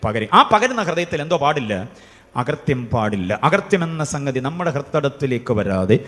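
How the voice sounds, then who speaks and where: Preacher in an echoing hall. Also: male voice, medium pitch. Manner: rhetorical questions and repeated chanted phrases. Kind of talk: sermon.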